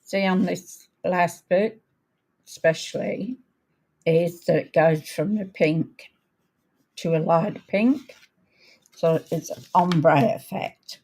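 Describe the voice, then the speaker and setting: Slow, chatty woman demonstrating card crafts. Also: fairly low pitch, warm tone, husky. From outside America. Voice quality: slightly crackly voice. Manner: chatty, unhurried, talks while working. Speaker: crafting host. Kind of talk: live card-making demonstration.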